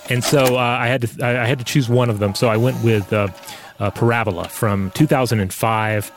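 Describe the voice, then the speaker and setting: A man co-hosting a podcast, explaining casually in halting, hesitant phrases. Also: medium pitch, fairly even intonation, over loud music. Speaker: podcast co-host.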